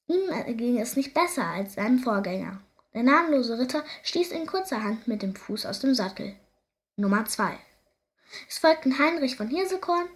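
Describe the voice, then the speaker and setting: A woman reads a children's fairy tale aloud, lively and expressive. Her voice sits fairly high. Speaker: storyteller. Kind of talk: children's story reading.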